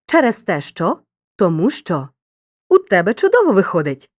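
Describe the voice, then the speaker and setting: A woman narrating a grammar lesson in a clear, scripted, teacherly way, speaking directly to the listener. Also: mid-range voice, huge pitch swings, moderate pace, no echo, clean studio sound.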